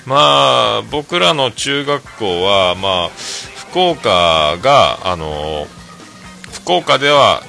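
Drawing out his words in a creaky, mid-range voice, the middle-aged Fukuoka man hosts his solo talk stream over soft background music. He is a restaurant owner whose rambling stories are thick with fillers and animated quoting.

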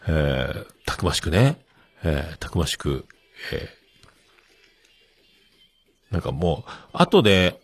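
A man's voice: a bass voice, very animated, slow pace, pauses often, breathy edge, dry recording. A middle-aged man hosting a show, rambling casually with many fillers and chuckling at himself. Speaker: show host. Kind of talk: casual solo talk.

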